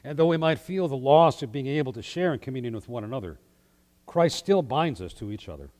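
A man, a pastor, leading worship in measured, solemn liturgical recitation, his voice ringing with a long cathedral-like echo. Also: mid-range voice, expressive, darkish tone. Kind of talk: leading liturgy in a remotely streamed worship service.

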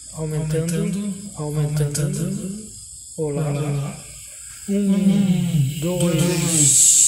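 A man testing a cheap microphone, his voice fed through a repeating analog tape delay echo. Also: a little high. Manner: counts and says hello into a cheap mic to test it. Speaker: audio equipment repairer. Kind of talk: casual demonstration. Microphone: low-quality handheld microphone into a tape deck.

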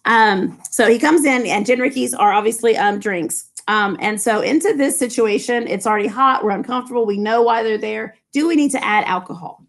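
Here the same teacher, a middle-aged woman, reads a novel to her students and drifts into talkative tangents peppered with "like" and "you know." Her voice is gravelly and fairly quick, with hardly any pauses. The laptop webcam sits below her in a fluorescent-lit classroom with a low ceiling.

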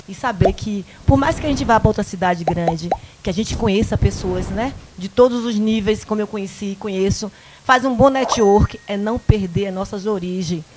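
A woman in her fifties from rural Bahia, an event producer, tells lively personal stories as a guest in a small local studio interview. Speaking into a handheld mic with a Bahian Brazilian Portuguese accent and a mid-range voice, she acts out quoted dialogue and says "né?" often. Background noise can be heard.

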